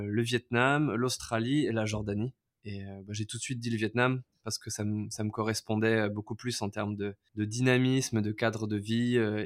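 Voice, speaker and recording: A Frenchman in his thirties tells his life story as a podcast guest, talking casually and hesitantly with lots of fillers and restarts. His voice is on the lowish side.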